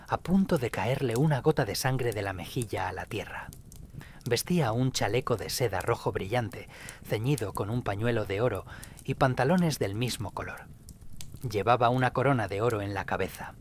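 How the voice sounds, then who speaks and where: A man calmly narrating a bedtime story in a measured way. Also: mid-range voice, a little hiss or hum.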